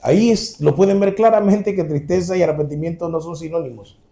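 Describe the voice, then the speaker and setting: Guy preaching, high voice with lots of gravel, keeps repeating himself, talking straight to the church. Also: brisk, dark tone. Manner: earnest, addresses congregation directly, repeats key points. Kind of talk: sermon.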